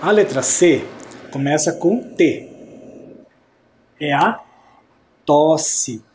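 A man teaching an adult science class, speaking patiently and clearly and often checking whether his students follow. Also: fairly high pitch, warm tone, a little hiss or hum. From Brazil. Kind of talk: recorded class for adult learners.

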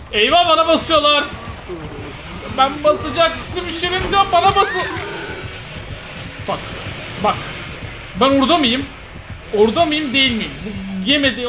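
A young man giving playful, casual commentary while playing a game, muttering one moment and shouting excitedly the next. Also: sits high. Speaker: gaming streamer. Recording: game music behind the voice.

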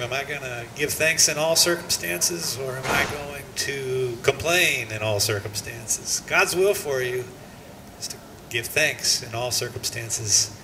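A man in church urging listeners to give thanks, speaking slowly and earnestly with some hesitation. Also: mid-range voice, distant mic, background noise. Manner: slow and earnest, with filler uhs. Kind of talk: church exhortation. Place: church sanctuary. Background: worship music.

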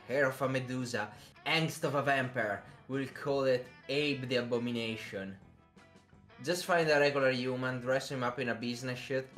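A man who is not a native English speaker, reading a dating game aloud as a streamer, with halting, self-correcting explanations. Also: medium pitch, a bit bright.

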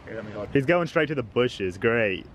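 A man's voice: medium pitch, expressive, normal speed, background noise. A young man, casually vlogging outdoors in a playful, joking way. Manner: joking, playful, talks to his pets. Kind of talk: casual vlog chat. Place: outdoors in a yard.

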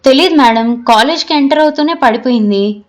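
A woman voicing an anxious young female college student who talks in a hurried, worried way. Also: sits high, faint music behind, voice pushed up, close to an everyday voice.

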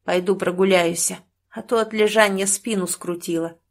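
A woman voicing a lazy, rude young village husband, gruff and dismissive. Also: mid-range voice, fairly even intonation, moderate pace, close to an everyday voice.

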